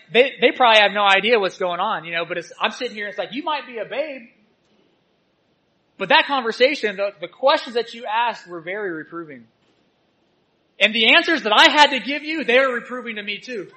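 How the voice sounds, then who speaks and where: A male church teacher preaching a sermon, telling personal stories and swinging between loud exhortation and soft asides. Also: very high voice, lively intonation, fairly quick, rough recording.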